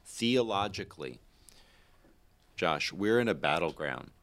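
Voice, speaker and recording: Give me a deep-voiced man leading a Bible talk. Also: lively intonation, a little slow, fairly bright tone. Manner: emphatic, preacherly build-ups. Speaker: host leading a discussion.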